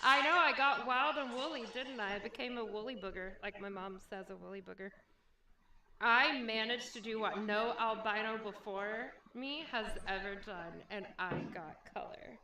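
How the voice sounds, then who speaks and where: A woman's voice: a little high, normal speed, sharp tone. Woman sounding like she is inside a barrel. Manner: chatty, reads viewer comments aloud. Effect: hollow, echoey sound as if inside a barrel, from her voice being picked up on two mics. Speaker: livestream host. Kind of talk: casual chat with viewers. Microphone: two microphones picking up her voice. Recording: hollow echoey doubled-mic sound.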